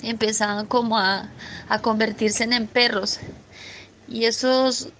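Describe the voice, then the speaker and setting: A woman gives a spoken testimony of a religious vision in an earnest, halting way, often stopping and starting her sentences again. Her voice sits slightly high and stays flat, with little rise and fall. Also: a little hiss or hum. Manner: earnest, halting, with frequent restarts. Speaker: believer sharing a vision testimony.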